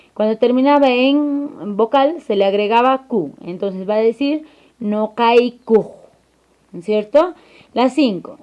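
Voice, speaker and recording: Woman, teacher, slow careful delivery, smooth clear tone. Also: fairly high pitch. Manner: slow, patient, repeats answers with rhetorical questions. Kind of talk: recorded classroom lesson.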